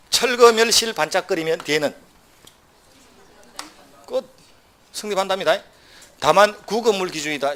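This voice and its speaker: A man's slightly high voice runs through a law exam lecture at a brisk clip. He keeps firing either-or questions at the class and slipping in dry, joking asides. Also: a bit bright. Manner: brisk, quizzing students with rhetorical either-or questions; wry asides with short laughs.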